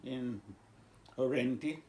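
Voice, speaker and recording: A man in his nineties with a Jamaican accent, slowly and haltingly telling his life story, searching for words. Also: medium pitch, steady tone, warm tone. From born in Cuba, raised in Jamaica. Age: 90s. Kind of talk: casual interview.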